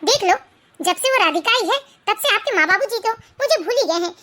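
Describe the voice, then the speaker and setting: A woman's voice: very high-pitched, expressive, a little fast, bright, forceful tone, exaggerated voice. Woman voicing a bossy, scornful elder sister-in-law in a cartoon. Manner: scolding, bossy. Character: sharp-tongued selfish elder daughter-in-law. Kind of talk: animated cartoon voice acting.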